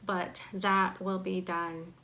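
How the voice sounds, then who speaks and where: A woman's voice: on the low side, level tone, slow, sharp tone, slight background noise, low-quality recording. A woman in her forties chatting casually and candidly as a vlogger, her speech slightly impeded by braces and bite blocks. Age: 40s. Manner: candid, personal sharing. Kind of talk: casual chat to camera.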